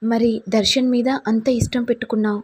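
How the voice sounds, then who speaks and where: A woman voicing a caring older mother who gently advises her son. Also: fairly high pitch, level tone, fast talker, slightly rough. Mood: calm.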